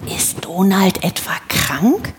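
A woman voicing a nervous little piebald pony with a high, worried, pleading voice. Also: very animated, slow pace, a little hiss or hum.

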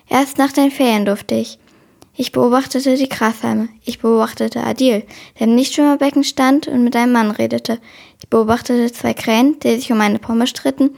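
A woman reading a children's novel aloud in short, even sentences. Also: on the high side, creaky.

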